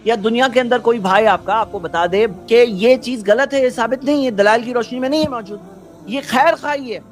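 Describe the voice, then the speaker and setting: A man's voice: extremely high pitch, soft background music. A man giving an earnest religious talk who keeps asking rhetorical questions and quotes Arabic before explaining it. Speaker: Islamic preacher.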